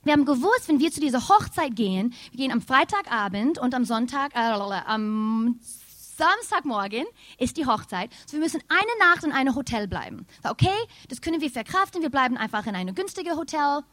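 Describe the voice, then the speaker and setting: Animated woman preaching, German. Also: high voice, brisk, dry recording. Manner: animated storytelling, addresses congregation directly. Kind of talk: sermon with personal story.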